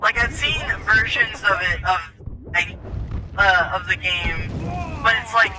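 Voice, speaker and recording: A young man chatting casually while gaming, rambling and halting with many restarts. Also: high voice. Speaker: co-host. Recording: noisy background.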